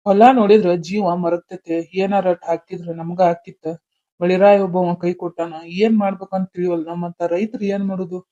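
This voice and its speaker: A woman performs an aging farmer father in a village family skit. He pleads and despairs in a North Karnataka Kannada accent. His tone is mellow and warm, and the lo-fi recording is dull and dry. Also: lowish voice, little pitch movement, brisk, no room sound, close to an everyday voice. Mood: despairing. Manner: lamenting, weary pleading. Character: worried poor male farmer, aging father.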